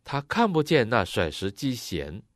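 A man interpreting a sermon phrase by phrase, matching the preacher's expressive delivery. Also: medium pitch, normal speed, dry recording, studio quality.

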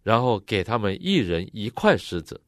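Low, lively male sermon interpreter. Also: normal speed, dry recording, clean studio sound.

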